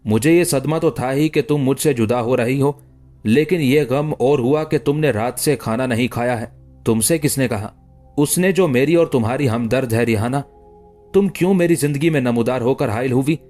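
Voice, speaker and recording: A man's voice: mid-range voice, moderate pace, a little mellow, soft background music, natural voice. A man reading the lines of a lovesick, anguished young man in an audiobook story. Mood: pleading.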